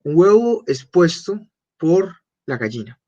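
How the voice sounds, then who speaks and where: A man teaching a beginner German class, patiently repeating German phrases slowly and clearly. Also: on the high side, sing-song, mellow, lo-fi sound.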